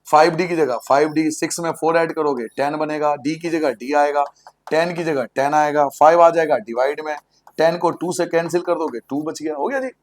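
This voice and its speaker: A man with a high voice teaches a maths lesson to a class of students. He walks through each step out loud, asking questions and then answering them himself in a repetitive, sing-song way. He keeps the tone playful and jokes with the class now and then. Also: fairly even intonation, moderate pace.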